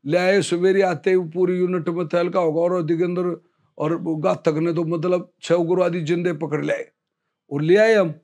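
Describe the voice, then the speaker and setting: A man in his fifties, an army veteran, telling a story in an interview in a lively way and acting out what others said. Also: high-pitched, normal speed.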